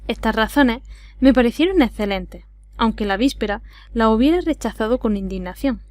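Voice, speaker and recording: A woman's voice: on the high side, animated, normal speed, a little mellow, dry recording. A woman with an Andalusian accent reading a classic adventure novel aloud as scripted narration. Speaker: audiobook reader.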